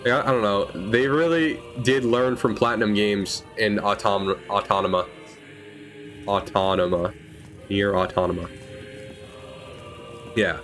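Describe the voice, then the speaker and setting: A man's voice: on the low side, fairly even intonation, unhurried, a bit bright. A young man chatting casually while streaming a game, rambling and correcting himself as he talks. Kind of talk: casual gaming stream chat. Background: faint game music.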